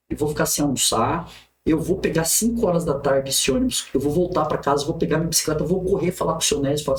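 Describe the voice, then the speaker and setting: A man as a podcast guest, telling a personal story vividly, with restarts and quoted speech. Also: on the high side. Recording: roomy echo.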